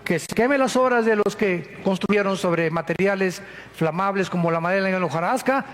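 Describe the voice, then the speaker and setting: Mexican pastor, male, high voice, dramatic folksy sermon delivery. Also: normal speed. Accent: Mexican Spanish. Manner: emphatic and dramatic, jumping from soft low asides to sudden high outbursts; folksy, with rhetorical questions to the listener.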